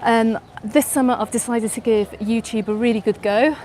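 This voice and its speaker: At dusk on a bustling beach promenade, an English travel vlogger in middle age hosts a live walking tour, fielding questions from viewers along the way. Her English-accented voice is fairly high and a bit mellow, with fairly even intonation and a normal pace. Chattering crowds and passing cars come through on the outdoor stream.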